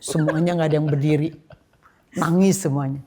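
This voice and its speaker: An older woman from Indonesia, a guest pastor, telling an emotional personal testimony, dropping to soft whispers and rising to loud outbursts. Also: sits low, steady tone, fairly quick. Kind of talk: personal testimony in a church podcast.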